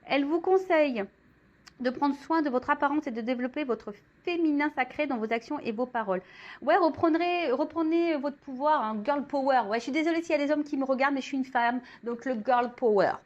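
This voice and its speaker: A woman with a high, brisk voice does a casual spoken tarot and crystal reading, chatting warmly to her viewers. She's full of fillers and asides as she reads the cards, and the sound is lo-fi.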